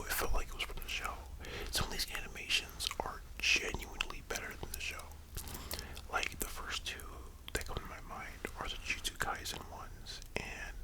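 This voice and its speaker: An ASMR host speaking in a breathy library whisper, rambling casually and giving opinions. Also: rough recording.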